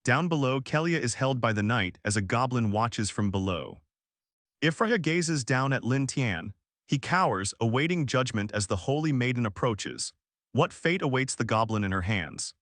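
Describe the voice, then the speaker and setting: A man reads a comic recap as scripted narration, his pitch rising and falling in an animated way. The voice is close and dry, with almost no room sound. He voices the quoted lines in the same plain narrating voice. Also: moderate pace, no echo.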